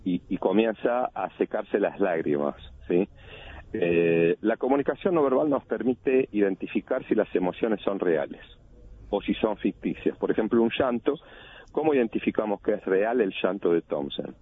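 A man's voice: fairly low pitch, lively intonation, moderate pace, breathy edge. A man, an analyst of body language, explaining over the phone in a teaching way and chanting examples of intonation. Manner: didactic, demonstrates intonation by chanting. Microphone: phone call. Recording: tinny phone line.

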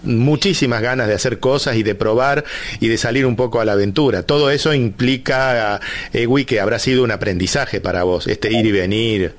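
Radio host, man, talkative and playful, thinks out loud. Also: mid-range voice, fairly quick. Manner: chatty, teasing, thinks aloud. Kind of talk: radio interview.

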